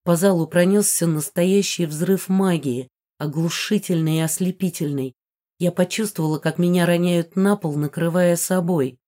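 A woman narrating a first-person fantasy novel in an even, measured storytelling voice. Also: on the low side. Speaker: audiobook narrator.

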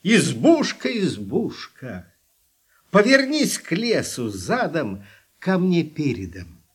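A man playing a hungry, weary young prince on a quest in a storybook, earnest and expressive. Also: on the high side, slow pace, slightly rough, exaggerated voice. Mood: commanding. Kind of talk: storybook character voice.

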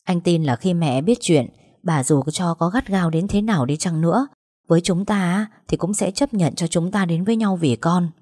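A woman's voice: fairly low pitch, normal speed, mellow, husky, no echo, clean studio sound. A woman voicing a tender young husband who reassures and comforts his wife. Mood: earnest.

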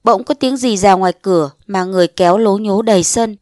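A woman's voice: mid-range voice, brisk, dry recording. Woman reading a story aloud, dry. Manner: lively storytelling, acting out dialogue in changed voices. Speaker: narrator. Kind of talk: audiobook reading of a short story.

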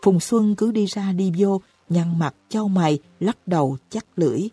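A woman narrating a novel as an audiobook, reading slowly and evenly. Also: on the low side, breathy edge, dry recording. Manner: reads slowly and evenly, raising her voice for characters' cries. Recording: dry close recording with soft music behind.

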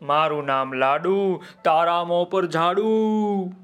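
A man's voice: high voice, slow, a bit bright, clean tone, soft background music. A man doing a cocky, bragging little sweet. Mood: boastful. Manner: bragging, sing-song rhymes. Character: boastful round sweet, male, cocky and cheerful.

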